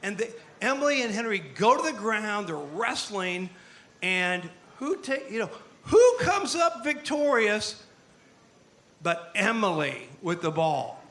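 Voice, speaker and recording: A middle-aged man, the father of the bride, telling rambling, animated stories in a wedding toast at a reception. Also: high-pitched, slow pace. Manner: storytelling, animated, rambling with restarts.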